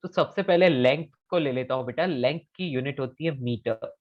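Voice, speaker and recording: A man's voice: mid-range voice, highs cut off. A male physics teacher, giving an online class and patiently repeating key phrases. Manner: patient, repeats key phrases slowly, calls students beta.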